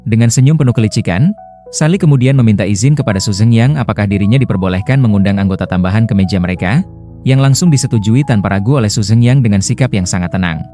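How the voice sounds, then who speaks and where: A man giving scripted story recap narration in a steady, flowing storytelling delivery. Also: lowish voice. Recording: narration over background music.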